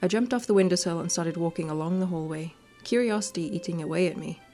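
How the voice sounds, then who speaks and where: A gaming video host gives playful, chatty commentary and reads game text aloud over background music. Her voice is low-ish and mellow, and she talks quickly.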